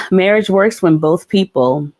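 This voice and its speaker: A woman's voice: medium pitch, big pitch swings, takes it slowly, darkish tone, dry recording. A woman from Brooklyn, co-hosting a casual live-stream chat in an earnest, reflective way. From Brooklyn, New York. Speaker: co-host.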